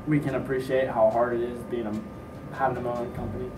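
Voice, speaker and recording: A man's voice: mid-range voice, little pitch movement, brisk, noisy background. A young man asking casual questions as a student interviewer. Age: teen or young adult. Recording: echoey, distant mic, music over it. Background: music.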